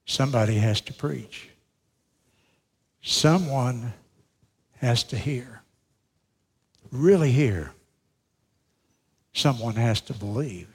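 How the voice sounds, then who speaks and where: A middle-aged man preaches a sermon, building to loud, emphatic declarations and then dropping to slow, hushed words. His voice carries with the long reverb of a large church hall. It sits at an ordinary mid pitch for a man. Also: breathy edge. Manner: dramatic preaching that swings between loud emphatic lines and hushed, slowed phrases. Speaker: pastor.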